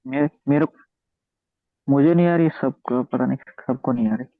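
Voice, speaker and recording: A man calling in to a live stream over a phone line, asking a question and filling pauses with "uh". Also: medium pitch, no echo. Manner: hesitant, fills pauses with "uh". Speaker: caller. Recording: dry, muffled phone-line audio.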